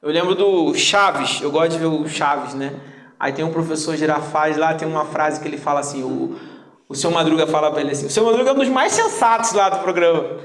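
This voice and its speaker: A man's voice: on the high side, a little fast, fairly bright tone. A man preaching a sermon as pastor, joking and acting out little dialogues. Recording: echoey room.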